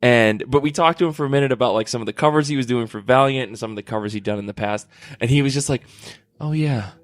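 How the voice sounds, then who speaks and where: A man's voice: medium pitch, racing, no room sound, studio quality. A man co-hosting a comic book podcast, telling stories in casual chat. He laughs often and swears now and then. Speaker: podcast co-host. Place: comic convention, recorded on site.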